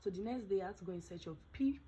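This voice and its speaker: A woman's voice: mid-range voice, lively intonation, rapid-fire, warm tone, slightly rough, poor audio. A young Nigerian woman vlogging casually, chatting with pidgin phrases, her voice not fully recovered. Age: young adult. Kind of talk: casual storytelling vlog.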